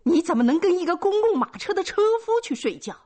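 A woman voicing a stern older farm mother who shouts and stutters with rage. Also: lowish voice, sing-song, normal speed, slightly rough, exaggerated voice. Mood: furious.

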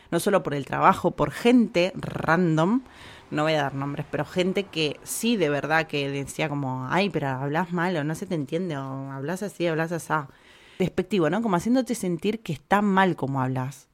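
A woman from Argentina with an Argentine accent, chatting casually to camera in an animated, opinionated way full of fillers. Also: deep voice. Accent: Argentine Spanish. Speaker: vlogger.

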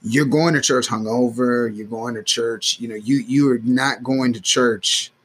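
A man's voice: medium pitch, a little slow, breathy edge. A man co-hosting a podcast, telling stories in casual chat, swearing freely and acting out quotes. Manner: animated storyteller, swears freely, acts out quotes. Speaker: podcast co-host.

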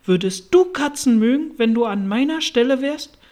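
A reader voicing a small, easily offended mouse in a storybook reading, with a shrill, trembling, furious manner. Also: expressive, normal speed, mellow, lightly acted. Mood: shrieking.

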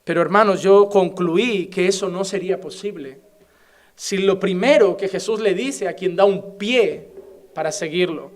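A man's voice: high voice, unhurried. A middle-aged man with a Spanish accent from Spain, preaching a sermon with passion and many rhetorical questions. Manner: passionate, rhetorical questions, builds to fervent exhortation.

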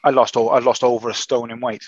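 Hosting a casual podcast chat, a man recounts his lengthy recovery slowly, full of false starts and halting restarts. His middle-pitched voice shows little pitch movement and sounds slightly changed by illness, on a dry, somewhat dull recording without room sound.

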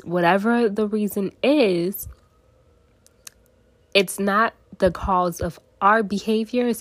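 Nasal from a cold, a young woman hosts a solo podcast, speaking earnestly in short phrases into her phone. Her voice sits at medium pitch, and the recording has no echo.

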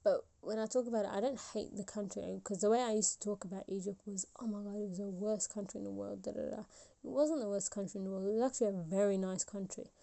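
This is a solo podcast episode from a woman around twenty, who muses aloud and keeps circling back with fillers and false starts. She has a creaky, warm voice at a medium pitch.

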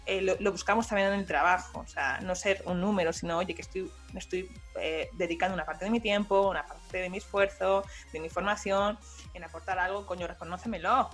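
Emphatic low-voiced woman. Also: a little fast, soft background music. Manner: animated, emphatic. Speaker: podcast co-host. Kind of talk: casual podcast chat.

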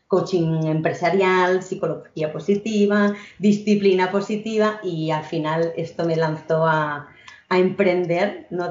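A woman in her thirties from Catalonia, a guest telling her story in a relaxed interview, reflective and full of small restarts. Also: on the low side, slight background noise. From Catalonia, Spain. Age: 30s. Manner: warm, reflective, many fillers and restarts. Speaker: guest, entrepreneur. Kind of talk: conversational interview. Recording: roomy, dull lo-fi sound.

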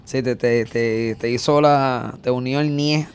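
A man's voice: medium pitch, unhurried, clean tone. A man, telling a road-trip story in casual chat and acting it out with sound effects. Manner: animated, acts out scenes with sound effects.

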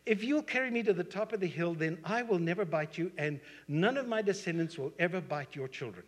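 A preacher voicing a sly, pleading snake in a told legend. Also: male voice, on the high side, lively intonation, normal speed, fairly bright tone, pitched above the performer's own voice. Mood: bargaining. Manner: wheedling, pleading. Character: sly pleading snake, tired then bargaining. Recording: husky voice in long hall reverb.

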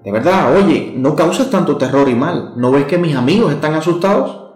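A preacher giving voice to a gentle Jesus. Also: male voice, on the high side, lively intonation, normal speed, lightly acted. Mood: gentle rebuke. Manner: speaks in plain, friendly everyday words. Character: Jesus calming storm and friends, adult man, gentle. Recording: echoey room with soft instrumental music.

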